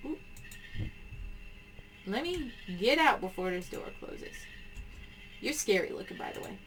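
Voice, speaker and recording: A woman's voice: a little high, animated, a little slow, faint music behind, low-quality recording. A woman giving playful asides as she plays a game and reads its dialogue aloud. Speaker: game player. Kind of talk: playthrough commentary and dialogue reading.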